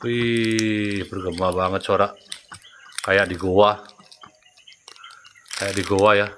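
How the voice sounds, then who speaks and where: A man's voice: on the low side, flat delivery, slow pace, a bit bright, a little hiss or hum. A man exploring an empty house, his voice echoing like in a cave, exclaiming and muttering to himself. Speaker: ghost-hunting vlogger. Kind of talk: spooky walkthrough commentary.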